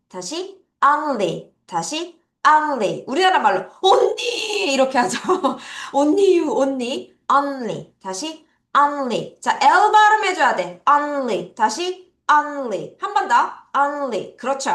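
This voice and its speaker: Lively, high-pitched woman teaching children. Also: reverberant. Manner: lively, drawn-out call-and-response drilling; laughs often. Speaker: English teacher. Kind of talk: children's vocabulary lesson.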